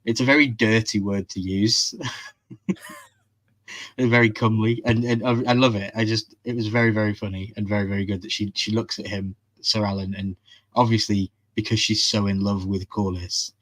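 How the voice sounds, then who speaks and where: A man's voice: lowish voice, steady tone, moderate pace, fairly bright tone. A man co-hosting a live TV review, explaining with eager emphasis in casual chat.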